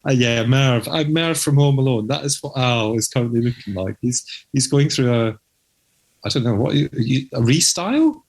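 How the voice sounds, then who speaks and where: Male podcast co-host, informal and teasing, medium pitch, slightly husky, cave-like room echo. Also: expressive, moderate pace. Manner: playful, teasing. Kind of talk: casual podcast chat.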